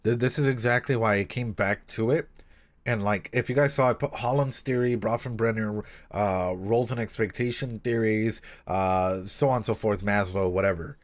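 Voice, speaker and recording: A man with a lowish voice speaks at a moderate pace, hosting a livestream in a casual, slangy, sweary style. He's a livestream host who also practises as a therapist, rambling through reaction and analysis and repeating his phrases often.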